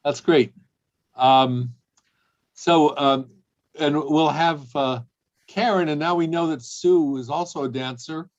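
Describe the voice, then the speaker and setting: A man leads a casual service on a video call, his voice on the high side, slow and marked by long pauses. Playful but unsure, he fills gaps with many ums, all heard through dull, low-fidelity call sound.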